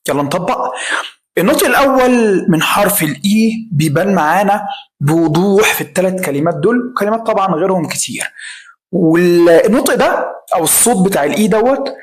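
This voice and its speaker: A man's voice: high voice, a little fast. Egyptian man teaching pronunciation drills. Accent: Egyptian Arabic. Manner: lively, drills sounds by repetition, addresses viewer directly. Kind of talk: online lesson.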